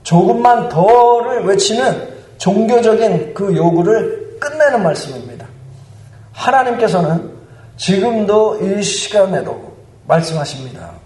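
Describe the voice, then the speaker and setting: A man delivers a sermon with earnest, building fervor. His voice sits somewhat high for a man. He is heard from a distance across a large, echoing church sanctuary. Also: lively intonation, measured pace, a little mellow. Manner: earnest, building to fervent proclamation. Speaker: preacher. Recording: roomy church hall, mic at a distance.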